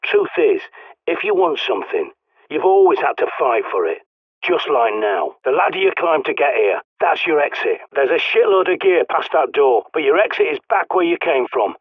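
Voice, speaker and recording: A man with a British accent voices a blunt, sardonic male survivalist in a video game, grumbling as he guides someone over the radio. His fairly high voice is sing-song and gruff, at normal speed, and he swears often. The recording is a dry, tinny, radio-like line with no room sound.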